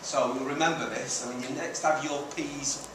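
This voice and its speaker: Presenting informally as a charity founder, a middle-aged man with roots in Manchester, England, and Italy leans on rhetorical questions and emphatic repeated phrases. His medium-pitched voice holds a steady tone at a moderate pace. The recording comes from a distant camera at the back of an indoor community centre meeting room and is very echoey and noisy.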